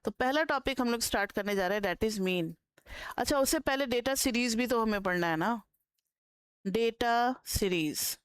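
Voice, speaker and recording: A woman's voice: on the high side, moderate pace, clear, resonant tone, no room sound. A woman with an Indian accent teaching an online economics class, explaining step by step, asking students questions and dictating notes word by word. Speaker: economics tutor. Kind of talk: online lecture.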